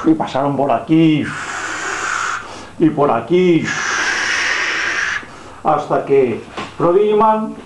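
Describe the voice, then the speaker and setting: A man's voice: on the high side, very animated, slow, long pauses, very noisy. A man telling an improvised children's story in a playful, simple, repetitive way, as if reading to a toddler. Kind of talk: improvised children's puppet-style story narration. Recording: dull, echoey home room recording.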